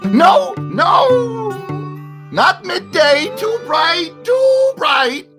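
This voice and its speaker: A shrill excitable cave creature. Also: male voice, extremely slow, over music, full character voice. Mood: fretful. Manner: shrill broken excited yelps. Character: skittish cave creature, small, excitable, clawed.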